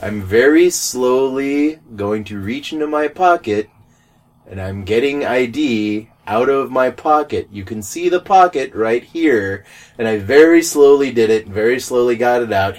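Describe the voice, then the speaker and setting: Animated storytelling man. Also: medium pitch. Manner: animated, laughs while telling stories, acts out quoted exchanges. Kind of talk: casual storytelling chat.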